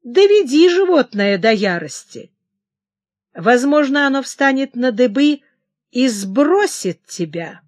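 Give me a calm, calculating older queen, as a woman narrator reads her, in a dry close recording. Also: on the high side, dry recording, full character voice. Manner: calm, smooth, quietly calculating. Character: scheming cold older queen mother.

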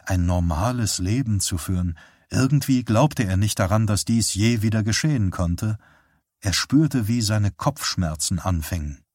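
A man narrating an audiobook in a calm, even reading voice. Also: on the low side, a little slow, slightly rough, no room sound, studio quality. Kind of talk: scripted narration.

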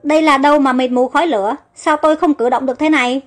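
Young queen, breathless and scared read by a woman, high voice over soft music. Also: fairly even intonation, fast talker, lightly acted. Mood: anxious. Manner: breathless, frightened. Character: young queen waking in danger.

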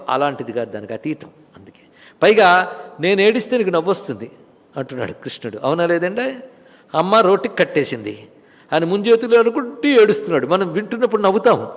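Male preacher, high voice, lively: bursts of emphasis, hushed asides, slow chanted verses. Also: big-room sound. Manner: animated, swings between loud exclamations and soft asides, chants Sanskrit verses slowly. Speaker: spiritual discourse speaker. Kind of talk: devotional sermon on scripture.

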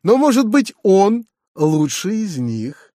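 A man voicing a giddy, high-strung spinster lady who gushes in breathless exclamations. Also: big pitch swings, slow pace, warm tone, no room sound, clean studio sound, exaggerated voice. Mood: ecstatic gushing.

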